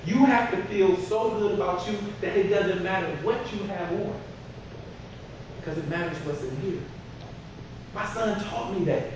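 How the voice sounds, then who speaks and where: A man giving a humorous, animated storytelling speech to an audience, laughing as he goes. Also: sits high. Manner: animated, laughs through his stories. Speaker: motivational speaker. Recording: echoey hall, voice from far off, background noise.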